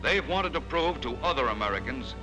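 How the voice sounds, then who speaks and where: A man narrating an old newsreel, with the solemn, emphatic delivery of 1940s wartime screen journalism. His voice sits at an ordinary middle pitch and carries a declamatory weight. A loud orchestral score plays beneath him throughout. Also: animated, a little fast, music in the background, low-quality recording.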